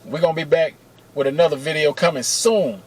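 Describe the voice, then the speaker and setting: A middle-aged man telling a personal story to camera in a casual, animated way, full of slang and cursing, talking to viewers as y'all. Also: a little high, brisk, breathy edge. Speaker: vlogger telling personal stories. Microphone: camera mic, close.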